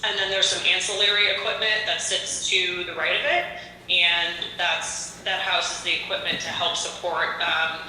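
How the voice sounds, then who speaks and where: A woman giving a business presentation over a speakerphone into a meeting room, halting, with many fillers. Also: fairly low pitch, fairly even intonation, pushed and bright, a little hiss or hum. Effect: heard over a speakerphone in the meeting room. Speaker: remote presenter for a company. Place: remote location, heard through a room speaker. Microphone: phone on speakerphone. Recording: speakerphone played into an echoey meeting hall.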